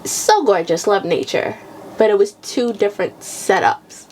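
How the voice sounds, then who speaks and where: A woman's voice: medium pitch, expressive, unhurried, a little mellow, rough recording. A young woman co-hosting a podcast, chatting casually and bluntly and swearing freely as she retells her week. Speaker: podcast co-host. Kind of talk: casual chat.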